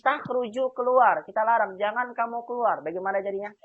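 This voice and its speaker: A man's voice: high-pitched, fairly quick, crowd noise. A male teacher giving an online Arabic grammar lesson. He is patient and drills each phrase with a rising, emphatic tone. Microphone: video call. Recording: tinny phone-like call audio.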